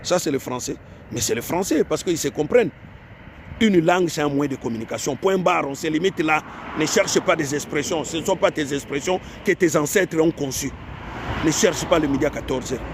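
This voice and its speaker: A man from Africa lectures his viewers in a fairly high voice, repeating his points and firing off rhetorical questions. Faint street and traffic noise sits under the recording. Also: brisk. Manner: repetitive, exhorting, rhetorical questions. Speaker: online commentator. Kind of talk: emphatic monologue to viewers.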